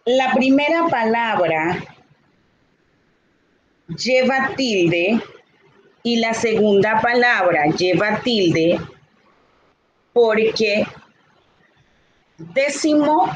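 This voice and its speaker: Woman teacher, fairly high voice, very slow and careful, faint hiss behind her. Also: expressive, highs cut off. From Dominican Republic. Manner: slow, deliberate, repeats key points. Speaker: Spanish teacher. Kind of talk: recorded grammar lesson.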